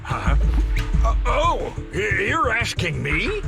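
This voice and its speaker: Over game music comes a very high, shrill old man, cowardly and whimpering. He drags his words out slowly and pleads in panic, a true video game coward. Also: wildly swooping pitch, creaky, exaggerated voice. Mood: flustered fear. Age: older.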